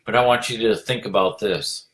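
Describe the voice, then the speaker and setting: A man giving an earnest motivational talk as a leadership coach, urging listeners on, repeating his phrases and filling pauses with "you know". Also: lowish voice, a bit bright.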